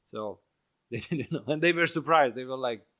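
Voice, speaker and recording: A man's voice: medium pitch, normal speed, a bit bright. A man co-hosting a casual comedy podcast, laughing often and trailing off mid-sentence. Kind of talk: casual chat.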